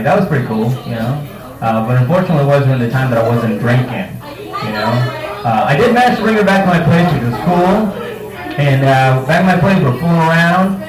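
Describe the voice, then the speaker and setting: Stand-up comic, male, loose and profane crowd work on a handheld mic, mid-range voice, recorded from across an echoey bar room. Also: medium pitch. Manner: casual, profane, self-mocking crowd work. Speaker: stand-up comedian. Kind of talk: live stand-up set. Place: bar comedy night. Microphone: handheld microphone. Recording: roomy bar sound from a distance.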